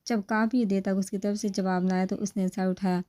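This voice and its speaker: A woman reading a comic family novel aloud, narrating and speaking the characters' dialogue in an even, low-key voice that lifts a little for quoted lines. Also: brisk. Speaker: novel reader.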